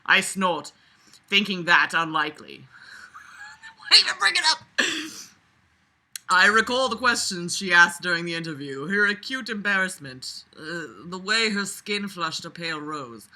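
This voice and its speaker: A woman reads a novel aloud, breaking off for casual, mocking, exasperated commentary full of swearing, sarcastic and foul-mouthed. Her voice is on the low side, very animated, bright and forceful, at a measured pace.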